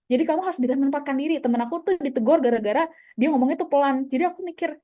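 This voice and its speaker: A young woman with a somewhat high, mellow voice talks through a casual coaching session. She is chatty, drops English phrases into her sentences and leans on everyday fillers as she explains. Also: racing. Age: young adult.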